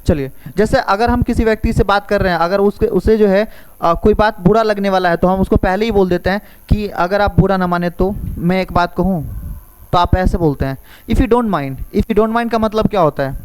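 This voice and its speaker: A man teaching a spoken English lesson, repeating each phrase slowly and quizzing the listener with questions. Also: high-pitched, smooth, low-quality recording. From India.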